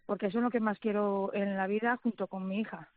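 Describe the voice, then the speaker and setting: A woman calling in to a radio show, speaking in a halting, heartfelt way and sounding close to tears. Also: mid-range voice, steady tone, no echo. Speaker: radio caller. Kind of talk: emotional phone call to a radio show. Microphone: phone. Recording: tinny phone line.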